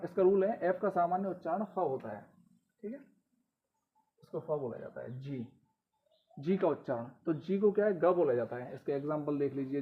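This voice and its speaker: Guy teaching, slightly high voice, tinny phone-ish sound, bit of hiss. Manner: explains slowly, repeating rules with question prompts. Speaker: English teacher. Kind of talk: classroom-style lesson. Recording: tinny phone-like audio with faint noise.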